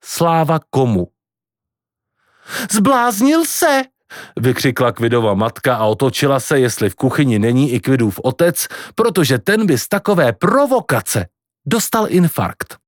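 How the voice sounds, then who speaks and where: A man's voice: mid-range voice, expressive, no echo. Man reading a story aloud, lots of melody in his voice, dry close sound. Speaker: audiobook reader. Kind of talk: scripted narration.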